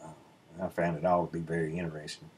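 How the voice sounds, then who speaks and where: The sawmill channel host, a man with a low, husky voice, gives casual voice-over commentary on his footage, explaining things in a laid-back, rambling way full of "um" and "uh." His delivery is fairly quick, level and darkish in tone. He records at a desk indoors via a webcam, away from the sawmill.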